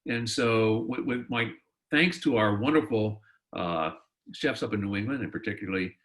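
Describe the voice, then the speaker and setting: A man's voice: fairly low pitch, normal speed, fairly bright tone, low-quality recording. A man hosting a webinar, introducing a guest speaker in a rambling way with many fillers, over a video call. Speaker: webinar host.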